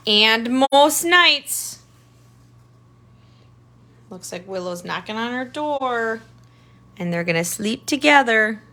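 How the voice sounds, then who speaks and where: Reading to children from a picture book, this tutor speaks in a slightly high, expressive voice with a sharp edge. She goes slowly and pauses often, using simple phrasing, remarks and questions to explain and point out details.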